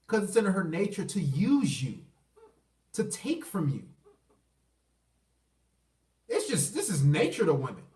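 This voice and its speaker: A man with a fairly high voice rants straight to camera, blunt and crude, circling back over the same phrases. He sits well back from the mic, so his voice sounds distant. The room around him rings with echo. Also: huge pitch swings, a little slow, long pauses, darkish tone. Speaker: vlogger. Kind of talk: casual rant to camera. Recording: echoey room, voice far from the mic.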